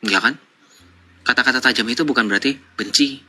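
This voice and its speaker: Sharp-voiced man mocking and lecturing. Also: mid-range voice, fast talker. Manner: mocking, lecturing, rhetorical questions. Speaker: live-stream debate host. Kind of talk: confrontational live debate with callers.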